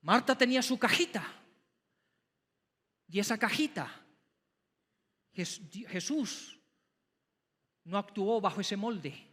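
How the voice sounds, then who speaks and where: High, lively, dramatic preacher. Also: male voice, slow, long pauses, breathy edge. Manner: dramatic, emphatic, fires rhetorical questions at the congregation. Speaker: pastor. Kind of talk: sermon. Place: church sanctuary. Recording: long church hall reverb. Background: church hall reverb.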